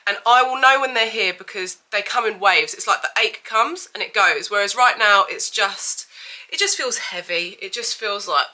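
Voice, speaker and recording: Speaking at normal speed in a sharp, medium-pitched voice, a thirty-something vlogger with a cold chats openly to camera. Her nose is blocked and sniffly, and fillers crop up often.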